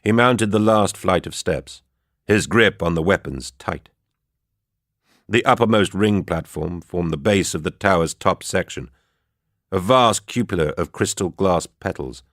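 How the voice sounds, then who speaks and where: A man reading a story aloud in a steady, measured way for a book club. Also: low-pitched, gravelly, no echo, clean studio sound. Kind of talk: audiobook-style narration.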